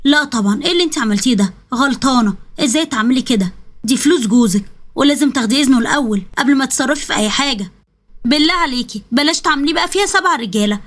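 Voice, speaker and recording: A blunt, outspoken Egyptian young wife, as a woman puts her on, lecturing in a quick, fairly high voice in a storybook drama. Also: expressive. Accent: Egyptian Arabic.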